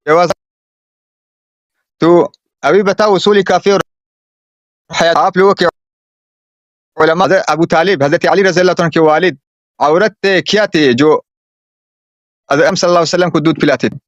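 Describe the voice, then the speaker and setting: Caller with dropping-out call audio. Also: male voice, fairly high pitch, pauses often, dry recording. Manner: insistent, challenging. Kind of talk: religious debate call-in. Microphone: online call. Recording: muffled lo-fi internet call.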